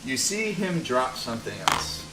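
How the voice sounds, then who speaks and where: A man's voice: medium pitch, sing-song, moderate pace, roomy sound, distant mic, background noise. A man running a tabletop game as game master, narrating casually and laughing often.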